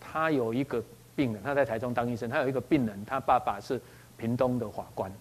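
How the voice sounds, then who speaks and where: A man with a Taiwanese Mandarin accent, a doctor telling a personal story in an animated way, often repeating words as he goes and slipping into Taiwanese phrases. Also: mid-range voice, fairly quick. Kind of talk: spoken personal anecdote.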